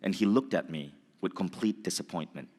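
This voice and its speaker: A man in his forties telling a motivational story to an audience, animated and acting out conversations. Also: low-pitched, fairly quick, big-room sound, slight background noise. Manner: animated, acts out dialogue, addresses audience. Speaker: motivational speaker.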